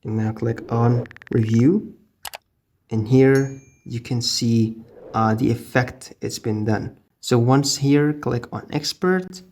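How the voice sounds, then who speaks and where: A man with a mid-pitched voice narrates a phone app tutorial. He speaks casually and explains things step by step, as the host of a how-to video. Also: slow, darkish tone, a little hiss or hum.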